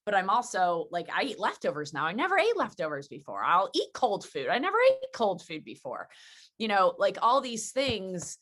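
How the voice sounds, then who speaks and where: A woman's voice: medium pitch, wildly swooping pitch, normal speed, fairly bright tone. A woman hosting a casual interview, chatty and telling stories with acted-out dialogue. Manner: chatty storyteller, acts out quoted dialogue. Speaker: podcast host.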